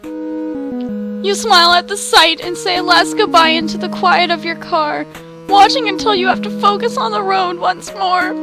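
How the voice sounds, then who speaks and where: High-voiced young woman crying over a game. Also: fairly even intonation, a little slow. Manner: emotional, swearing, laughing through tears. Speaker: gamer playing a dating sim. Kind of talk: reading a visual novel aloud and reacting. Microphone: desk mic, no webcam. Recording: music playing behind.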